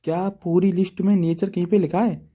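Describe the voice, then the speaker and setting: A man's voice: high-pitched, fairly even intonation, moderate pace, dark tone, lo-fi sound. A man teaching programming in a casual, chatty way, often checking in with his viewers and making self-deprecating asides. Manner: chatty, repeats "ठीक है दोस्तों" often. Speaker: coding teacher. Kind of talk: casual tutorial explanation. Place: at home writing in a notebook.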